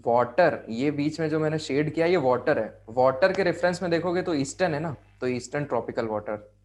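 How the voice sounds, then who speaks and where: A man's voice: on the high side, normal speed, darkish tone. A man with an Indian accent teaching geography over a video call, explaining step by step, repeating key phrases and checking that students follow. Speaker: geography tutor. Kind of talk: online class lecture.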